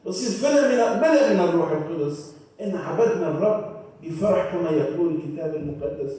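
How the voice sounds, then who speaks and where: High-voiced preacher in echoey church. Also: male voice, animated, fast, warm tone. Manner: fervent preaching, leads the congregation in reciting, drops English phrases. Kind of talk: sermon. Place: church sanctuary. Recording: echoey church hall from far off.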